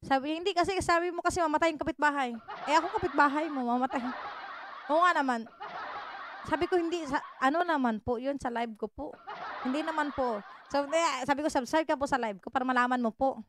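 A high-pitched woman chatting loosely on a livestream, teasing her viewers and breaking into laughter again and again. The recording carries steady background noise. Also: brisk. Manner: giggly, teasing, laughs often. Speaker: livestream vlogger. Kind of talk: casual livestream chat.

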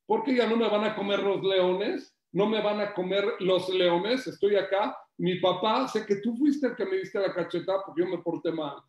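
Young boy prince, pleading and excited, high and loud, as a male teacher puts him on; echoey room. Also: normal speed, few pauses, lo-fi sound, natural voice.

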